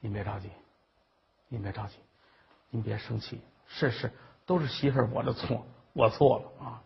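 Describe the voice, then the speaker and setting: A man voicing a meek, patient young daughter-in-law who speaks softly to calm her mother-in-law, with a raspy voice in a dull lo-fi recording. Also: mid-range voice, normal speed, pitched below the performer's own voice. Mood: placating. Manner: soft and placating.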